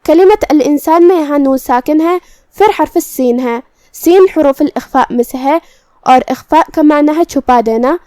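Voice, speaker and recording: A woman's voice: high-pitched, a little mellow, dry recording. A woman teaching a Quran recitation lesson, patiently explaining each pronunciation rule step by step.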